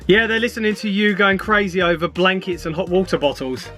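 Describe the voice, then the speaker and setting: A man's voice: sits high, a little fast, pushed and bright, faint music behind. A man vlogging, chatting casually to the camera and to his partner.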